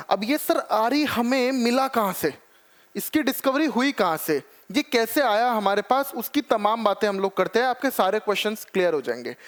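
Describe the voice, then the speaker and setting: A man with a raised, high-pitched teaching voice delivers an exam-prep biology lecture. He explains step by step, addresses the students as children, and keeps checking that they follow. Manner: calls students "children" and "beta ji".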